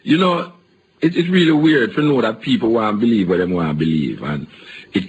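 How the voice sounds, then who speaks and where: A Jamaican man hosting a radio interview, telling stories in animated patois. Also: on the low side, a little fast, lo-fi sound, noisy background. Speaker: radio host.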